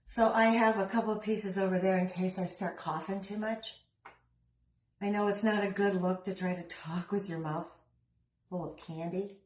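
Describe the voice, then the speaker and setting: A woman's voice: medium pitch, reverberant, rough recording. A middle-aged woman chatting casually while she works on a craft, rambling with self-deprecating asides. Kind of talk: casual craft vlog chat.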